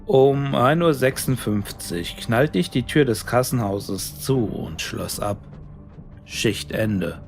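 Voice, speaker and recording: A man narrating a scripted horror story in a deliberate, suspenseful, dramatic way. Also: medium pitch, lively intonation, creaky, faint music behind.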